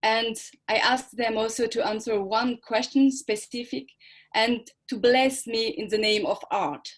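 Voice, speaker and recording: A woman artist whose first language is not English, speaking haltingly with many fillers on a video call, partly reading from a prepared text. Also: fairly high pitch, steady tone. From Switzerland. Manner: hesitant, many fillers and restarts. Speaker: artist presenting her project. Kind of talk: halting symposium talk, partly read aloud.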